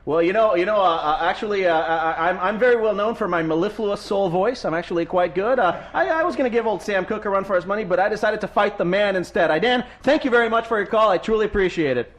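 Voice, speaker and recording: Brash, fast-talking high male podcast host. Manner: brash, sarcastic, talks over callers. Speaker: radio show host. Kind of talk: live call-in podcast banter.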